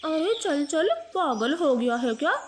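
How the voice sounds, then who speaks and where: A woman voicing a gruff male shopkeeper bird in a cartoon, dropping her voice low to brush off a customer. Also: expressive, a little slow, a little hiss or hum. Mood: dismissive. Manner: dismissive, gruff.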